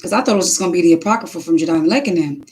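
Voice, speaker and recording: A woman's voice: on the low side, rapid-fire. Woman telling a spiritual testimony. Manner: animated storytelling, restarts and acted quotes. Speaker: mother sharing testimony.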